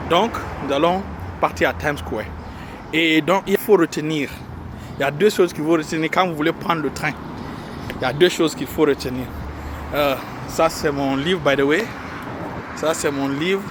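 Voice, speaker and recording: Man vlogger on a phone, slightly high voice, slow repetitive delivery, street and subway noise behind. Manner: slow, repetitive, halting explanation with many fillers. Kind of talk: casual walking vlog. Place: outdoors on a city street, then down into a subway station. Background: city traffic and subway noise.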